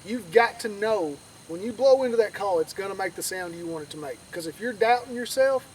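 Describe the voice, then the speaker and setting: Male instructor, noticeably high voice, conversational teaching style, distant outdoor recording with faint noise. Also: expressive, brisk, a little mellow. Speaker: duck calling instructor.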